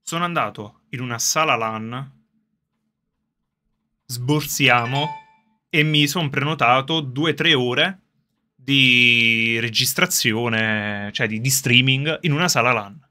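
A man chatting casually to his viewers on a livestream from a soundproofed underground gaming room, excitable and quick to laugh. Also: mid-range voice. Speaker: streamer reacting live to a game reveal. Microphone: streaming setup with facecam.

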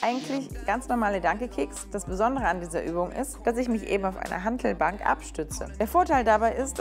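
Upbeat woman explaining her gym routine. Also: mid-range voice. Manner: upbeat and chatty, explains each exercise step by step. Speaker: fitness vlogger.

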